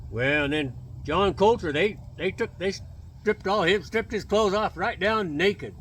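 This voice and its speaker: Male fireside storyteller, folksy and colloquial, higher-pitched bright voice, light background noise. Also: measured pace. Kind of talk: casual unscripted storytelling with a partner.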